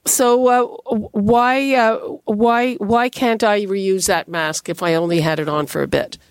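Lady radio host, medium pitch, chatty interview style, really dry studio. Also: fairly even intonation, a little slow, clear, resonant tone, dry recording. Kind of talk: conversational radio interview hosting. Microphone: studio microphone.

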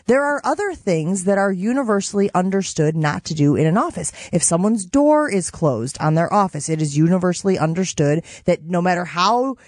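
A woman's voice: lowish voice, animated, brisk, hardly any pauses, a little mellow, no echo, clean studio sound. A woman hosting a radio talk show, chatting casually and laughing often. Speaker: radio host. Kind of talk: casual chat.

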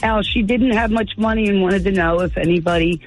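A man's voice: high voice, brisk, soft background music, rough recording. A man calling a radio show, telling a heartfelt story in an earnest, sentimental way.

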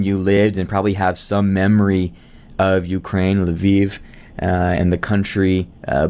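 His voice sits low, clear and resonant with a slightly mellow quality as he hosts a live radio talk show over a studio microphone. The man chats amiably and conversationally, using the odd filler word.

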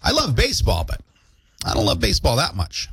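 A man's voice: mid-range voice, a little fast, husky. A man in his thirties co-hosting a morning radio show, telling stories and joking playfully. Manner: playful, animated storytelling with jokes. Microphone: studio mic.

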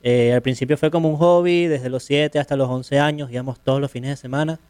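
A man with a Venezuelan accent, answering interview questions as a guest in a friendly, unhurried way with frequent pauses. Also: mid-range voice, fairly even intonation, darkish tone, clean tone, no room sound. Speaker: guest, professional surfer.

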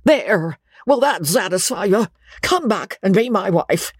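A reader putting on a coarse old baronet. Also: male voice, high-pitched, expressive, measured pace, slightly rough, no echo, clean studio sound, voice pushed up, heavily acted. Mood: pleading. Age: older. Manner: rustic ungrammatical speech, pleading. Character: old male baronet, blunt, coarse, pleading.

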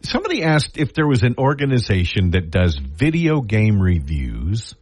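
A male talk radio host with a husky voice whose pitch swings widely as he talks. He speaks in quick, animated bursts, often stopping and restarting mid-thought. The sound is dry and close to the mic. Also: no room sound. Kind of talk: casual radio chat.

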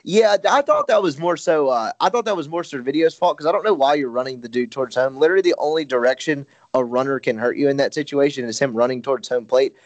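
A man breaks down a game in casual podcast chat, his middle-pitched voice recorded close and dry. He rambles, stops to correct himself and fills gaps with "uh". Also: fast, few pauses, no room sound, dull audio. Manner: rambling, frequent self-corrections and fillers. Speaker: sports podcast co-host.

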